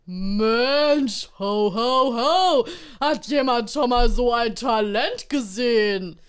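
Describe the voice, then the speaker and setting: A woman playing a jolly, bumbling male Santa Claus in a comedy sketch, booming ho-ho laughs and slow mock-solemn speech. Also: clear, resonant tone, lightly acted.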